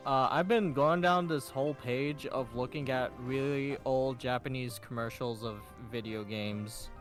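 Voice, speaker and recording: A woman's voice: rumbling low, measured pace, soft background music. A woman co-hosting a podcast in casual chat, meandering with lots of "like" and "you know". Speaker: podcast co-host.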